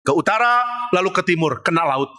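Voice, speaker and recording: A man's voice: high-pitched, expressive, a little fast, bright, forceful tone. A male pastor giving a humorous, story-driven sermon and acting out the dialogue as he goes. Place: restaurant hall.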